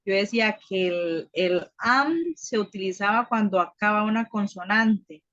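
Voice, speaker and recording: A woman's voice: medium pitch, measured pace, a bit bright, dry recording. A woman student asking questions in class, hesitant and searching for words. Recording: dry, lo-fi sound.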